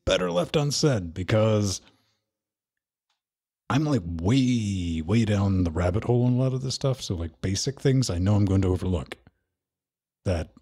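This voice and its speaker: Husky low-voiced male podcast host. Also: expressive, moderate pace, pauses often, warm tone. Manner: joking, sarcastic. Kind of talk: casual chat.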